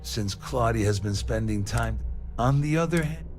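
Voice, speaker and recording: A man's voice: mid-range voice, animated, moderate pace, a little mellow, natural voice. A man playing a bitter, vengeful crook in a video game, talking in a slangy, cynical way. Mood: wary, bargaining. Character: bitter, vengeful male crook cutting a deal. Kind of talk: video game dialogue acting. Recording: music behind the voice.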